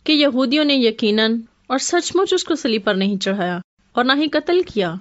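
A woman's voice: a little high, expressive, dry recording, close to an everyday voice. A woman playing a daughter who questions and reasons in a scripted dialogue drama. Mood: reasoning. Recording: muffled lo-fi dry audio.

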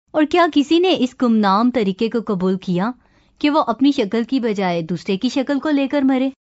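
A woman's voice: a little high, expressive, a little mellow, dry recording, lightly acted. A woman in a scripted dialogue drama who doubts the stories and asks questions. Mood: skeptical. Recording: muffled lo-fi dry audio.

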